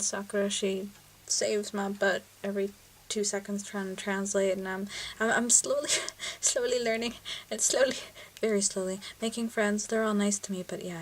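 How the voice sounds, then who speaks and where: A young woman from Canada vlogs from home into her camera mic, chatting and making fun of herself. Her voice sits at a middling pitch, and now and then she slips into a whisper. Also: slight background noise. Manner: chatty, self-mocking, drops into whispers. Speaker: vlogger. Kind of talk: casual chat.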